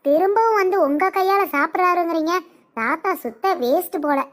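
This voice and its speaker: A high-pitched, cheeky cartoon boy, voiced by a woman. He mocks and schemes in a playful, sarcastic tone. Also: expressive, normal speed. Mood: teasing. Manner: teasing, sarcastic. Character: cheeky mischievous young grandson.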